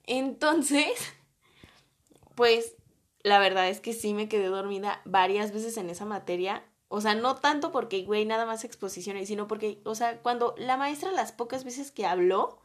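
A young woman with a Mexican accent, telling a story about her college days in a chatty way, full of slang and fillers. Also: fairly high pitch. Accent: Mexican Spanish. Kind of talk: casual storytime.

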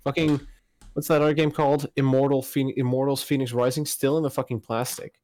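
A young man hosts a casual podcast chat, rambling and tossing in swear words as he jokes along. His voice sits at an ordinary pitch and sounds close and dry, with no room around it. He talks loosely and restarts often. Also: level tone, fairly quick, darkish tone, dry recording. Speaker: podcast host.

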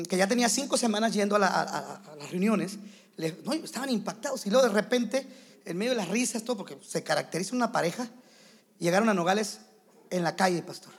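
Pastor guy preaching, really high voice, lively, acts out little scenes. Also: vocal fry, breathy edge. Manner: animated, with quick acted asides in other voices. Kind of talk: sermon to church leaders.

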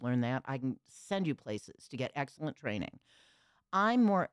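A woman's voice: sits low, no echo, studio quality. A woman astrologer and host explaining a chart in a frank, digressive way, often correcting herself. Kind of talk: conversational explanation.

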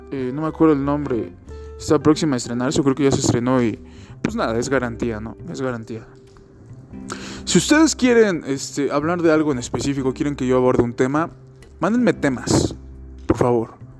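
A man's voice: mid-range voice, lively intonation, moderate pace, soft background music. A hungover man with a Mexican Spanish accent hosts a solo podcast, rambling casually and jokily in crude slang. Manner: informal, crude slang, joking.

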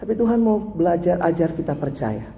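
A man's voice: sits high, big pitch swings, a little fast, creaky, mellow. A man preaching a sermon as a pastor, talking conversationally and slipping into casual slang. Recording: long reverb in a large hall, faint noise.

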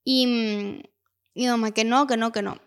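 Girl in her 20s just chatting, kinda high voice, laughs a lot, lots of slang. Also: steady tone, unhurried, smooth. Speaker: podcast co-host. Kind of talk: casual chat.

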